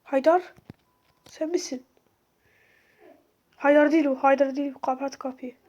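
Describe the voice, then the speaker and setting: Woman, high voice, sore throat, horror-game commentary, jumpy, yelling and cursing at scares. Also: fairly even intonation, normal speed, lo-fi sound. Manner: jumpy, yells and curses at the game. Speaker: gaming video host. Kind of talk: excited let's-play commentary.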